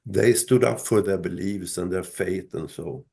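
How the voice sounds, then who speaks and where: Slow, gravelly-voiced man losing his voice. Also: sits low, warm tone. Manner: slow, halting, many restarts. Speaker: son telling his mother's story. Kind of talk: live talk with a host.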